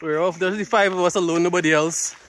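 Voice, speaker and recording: A man's voice: sits high, steady tone, fast, a crowd in the background. A man from Trinidad joking casually with friends while hiking a forest trail. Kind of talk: casual chat on a hike.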